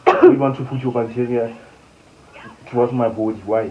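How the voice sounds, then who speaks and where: A man's voice: medium pitch, flat delivery, moderate pace. Exasperated young man. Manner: exasperated, loud repeated refusals. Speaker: vlogger's brother, prank target. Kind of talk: casual home vlog chat. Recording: muffled lo-fi audio with clear background noise.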